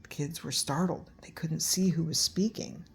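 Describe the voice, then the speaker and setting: A woman's voice: sits low, fairly even intonation, moderate pace, vocal fry, breathy edge, whispered. An older woman, a grandmother, reading a children's story aloud as narrator.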